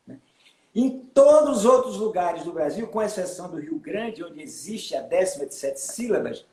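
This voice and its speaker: A man's voice: high-pitched, darkish tone. A man, explaining folk poetry in an interview, in a teaching manner with frequent tag questions. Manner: didactic, often adds tag questions. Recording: roomy echo.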